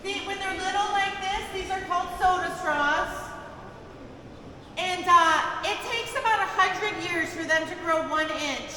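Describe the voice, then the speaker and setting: A woman's voice: very high voice, unhurried. A woman guiding a tour group through a cave, speaking informally and instructively, recorded from a distance in an echoing space. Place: inside a cave. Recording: distant, very echoey cave, loud background noise.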